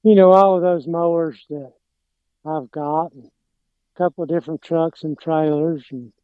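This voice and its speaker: A man's voice: a little high, fairly even intonation, measured pace, smooth, dry recording, phone-quality sound. A middle-aged man with an Appalachian mountain accent chatting casually, rambling and hesitant, often trailing off. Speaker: podcast guest, lawn care business owner. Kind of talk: casual chat.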